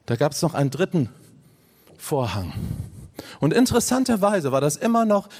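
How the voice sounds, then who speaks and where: A man preaching a sermon in a fairly high voice. He swings between low, hushed phrases and raised, emphatic ones. He talks to his listeners directly, as to friends. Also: big pitch swings, normal speed, breathy edge.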